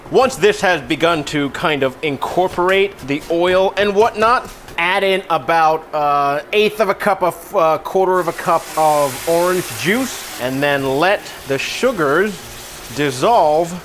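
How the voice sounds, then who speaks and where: A man's voice: fairly high pitch, fairly bright tone, a little hiss or hum. A man hosting a casual cooking tutorial in an offhand, self-deprecating, rambling way with trailing asides. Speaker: cooking show host.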